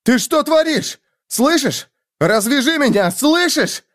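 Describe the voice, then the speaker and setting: A man's voice: extremely high pitch, animated, slow, fairly bright tone, voice pushed up, heavily acted. A man voicing a panicking young man tied up over a fire, screaming, begging and threatening in pain. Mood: panicked. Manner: screaming, pleading hysterically. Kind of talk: audiobook character voice.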